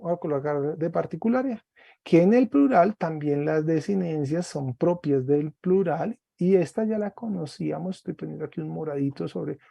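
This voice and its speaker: A man teaching Greek in an online class, speaking slowly and patiently, repeating words for students over a video call. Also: on the high side, vocal fry, warm tone, dry recording, highs cut off.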